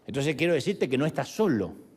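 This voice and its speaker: A man preaching a sermon, animated, switching voices for quotes and jokes. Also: mid-range voice, brisk, breathy edge. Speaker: pastor.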